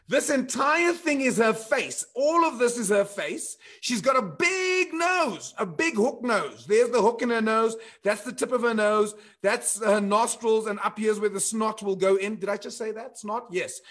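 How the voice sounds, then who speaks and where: A man with a notably high voice leads an online workshop over a video call. He talks in a playful, animated way and drills key words by repeating them. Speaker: guest speaker coach. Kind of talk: interactive online workshop talk.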